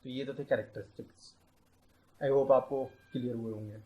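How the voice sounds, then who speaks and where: A young man, a tutor, teaching computer science step by step, mixing English terms into his talk and slowing down to dictate definitions. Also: medium pitch, fairly even intonation, muffled recording. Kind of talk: explaining a lecture.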